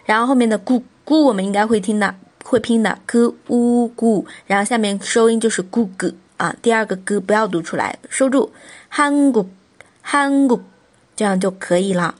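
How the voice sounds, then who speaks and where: Patient woman teaching pronunciation step by step. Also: medium pitch. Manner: slow, drawn-out model pronunciations of sounds. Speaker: Korean language teacher. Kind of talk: pronunciation lesson.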